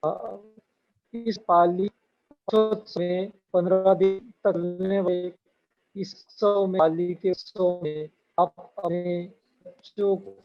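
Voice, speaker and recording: A man teaching a live online lesson who speaks haltingly with many pauses and fillers. His voice breaks up and cuts out over the call. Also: sits high, steady tone, soft background music. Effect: voice breaking up and cutting out over the call. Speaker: Pali teacher. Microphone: online call audio. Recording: dull lo-fi call audio that keeps breaking up.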